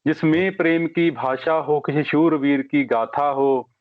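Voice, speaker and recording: A man reads his poem at a poetry gathering held over the phone. The call audio sounds dull and lo-fi, and his voice sits a little high. He delivers each couplet slowly and in a measured way, saying every line twice. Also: steady tone. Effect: heard over a phone or online call line. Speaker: poet reciting at an online poetry gathering. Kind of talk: slow sung-spoken Hindi poetry recitation.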